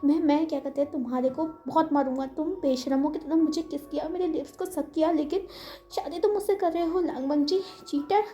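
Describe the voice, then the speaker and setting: A woman's voice: high voice, steady tone, fairly quick, mellow, lo-fi sound. A woman voicing a heartbroken young man who rants tearfully and angrily, scolding his lover. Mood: tearful rage.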